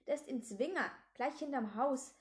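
A woman's voice: high voice, moderate pace, close to an everyday voice. A woman voicing a nervous young boy who pleads and stammers in a storybook reading. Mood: pleading.

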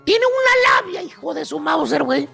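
A man voicing a squeaky male joke professor on a radio comedy segment, with a Mexican accent and a rambling, slangy lecturing manner full of "güey". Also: big pitch swings, moderate pace, creaky, pushed and bright, faint music behind, full character voice. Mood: storytelling. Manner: rambling, slangy, keeps saying "güey" and "fíjate nada más".

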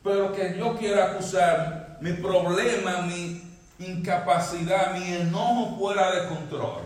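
A male pastor preaching a sermon, swinging from emphatic high peaks down to low quiet lines. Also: fairly even intonation, slow. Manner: preaching, rising emphatically, then dropping low. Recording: echoey hall, mic at a distance.

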